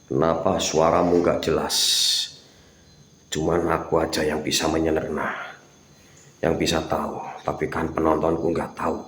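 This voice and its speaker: A man vlogging a ghost hunt in an empty house, giving loud, commanding orders to a spirit and dropping now and then to a hushed whisper. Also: a bass voice, completely flat delivery, normal speed, long pauses. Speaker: paranormal ghost-hunting vlogger. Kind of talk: confrontational ghost interrogation. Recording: echoey empty room, faint ambient noise.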